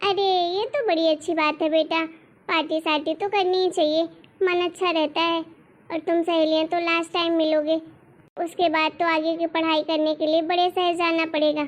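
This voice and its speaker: Shrill cartoon mother-in-law. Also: flat delivery, normal speed. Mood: doting. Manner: shrill and insulting. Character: harsh scolding mother-in-law, middle-aged woman. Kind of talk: cartoon voice acting.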